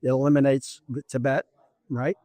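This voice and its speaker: A man's voice: mid-range voice, little pitch movement, normal speed, warm tone, no room sound. A man, a political candidate, speaking emphatically in an interview, often repeating words and asking rhetorical questions.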